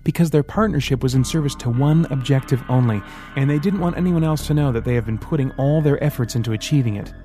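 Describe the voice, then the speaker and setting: A man voicing Rand, a calm mentor who explains secrets in measured, mysterious tones, in an audiobook. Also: mid-range voice, soft background music, close to an everyday voice. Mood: confiding.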